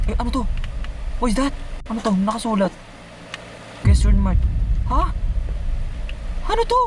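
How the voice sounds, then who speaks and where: High-pitched excitable gamer guy. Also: moderate pace, background noise. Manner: excitable, yells and swears at mobs. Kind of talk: game commentary.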